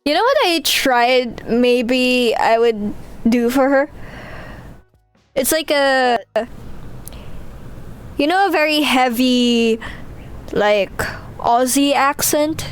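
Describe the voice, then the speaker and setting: A woman's voice: sits high, takes it slowly, long pauses, clean tone, faint music behind. A woman streamer chatting hesitantly while playing a game. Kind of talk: casual chat while playing.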